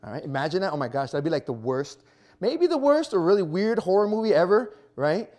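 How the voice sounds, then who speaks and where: A man in his thirties doing a stand-up comedy set, animated and self-mocking, acting out little scenes. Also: high voice, a little fast. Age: 30s. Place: small performance venue before a live audience.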